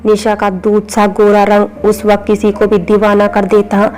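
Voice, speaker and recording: A woman narrates a romantic story from a script. Her pitch sits in the middle and barely moves, giving an even, steady reading. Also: normal speed, faint music behind, rough recording.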